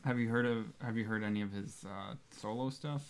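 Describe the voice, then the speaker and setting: A man's voice: on the low side, fairly quick, clean tone. A man co-hosting a podcast, easygoing and agreeable, often laughing as he chats. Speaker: podcast co-host. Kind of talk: casual chat.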